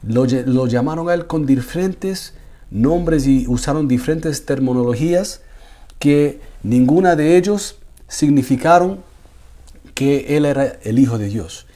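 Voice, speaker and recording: A man's voice: mid-range voice, unhurried, warm tone. A man, an imam, telling the story of his conversion. He often repeats words while he searches for the next one, and at times he builds up to intense pleading. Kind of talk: personal conversion testimony.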